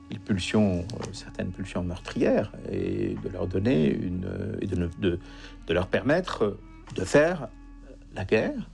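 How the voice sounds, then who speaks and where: A man with a creaky voice giving analytical commentary as an expert, pausing often mid-phrase. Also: lowish voice, darkish tone. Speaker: expert interviewee.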